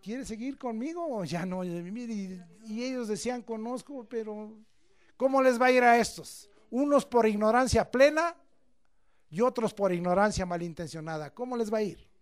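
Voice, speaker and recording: A man preaching a sermon in church, moving from quiet asides to loud emphatic proclamations and joking folksily with the congregation. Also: high voice, normal speed.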